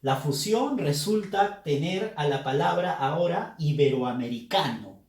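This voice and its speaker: A man giving a Spanish spelling lesson, speaking slowly and with emphasis, like a teacher addressing his students. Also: sits high, lively intonation, darkish tone. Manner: slow, emphatic teaching delivery. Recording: echoey room.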